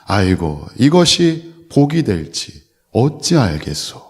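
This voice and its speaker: A man voicing a calm old man on the frontier who chuckles slowly and stays unbothered by fortune or misfortune. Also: fairly low pitch, breathy edge, big-room sound, exaggerated voice. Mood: serene chuckle.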